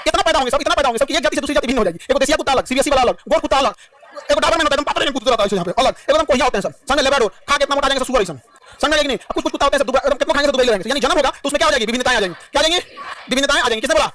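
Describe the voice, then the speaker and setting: A man's voice: extremely high pitch, racing, pushed and bright. A man teaching a classroom lecture, repeating key terms, asking questions and joking with students. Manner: repetitive, quizzing, humorous. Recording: dry, mic at a distance.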